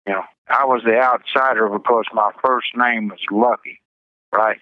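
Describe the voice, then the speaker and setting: A man, an inmate interviewed over a prison phone line, giving terse, halting short answers. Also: medium pitch, fairly even intonation, dry recording. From Missouri.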